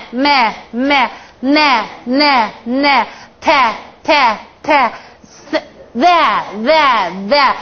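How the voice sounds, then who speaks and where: A woman teacher with a high voice runs a phonics lesson, drilling her class through counted chants and teasing questions. She speaks at an unhurried pace. The classroom recording sounds dull and lo-fi. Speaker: English teacher.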